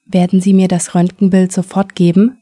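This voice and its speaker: A man's voice: high-pitched, completely flat delivery, moderate pace, warm tone, dry recording, studio quality. A woman reading a male patient with a hurt arm. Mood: plain.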